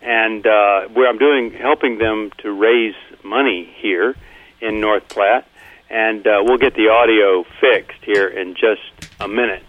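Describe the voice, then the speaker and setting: A male radio host talking casually with easygoing, halting speech, heard over a muffled, echoing remote line that sounds like he is in a tunnel. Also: on the low side, fairly even intonation. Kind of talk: casual on-air chat. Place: remote broadcast from a fundraising event.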